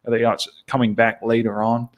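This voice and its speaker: A man's voice: medium pitch, completely flat delivery, fairly quick. A man hosting a casual podcast in an office studio, explaining things in a loose way and often checking in with "right?". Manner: conversational, explains marketing with frequent "right?" and restarts. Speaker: podcast host.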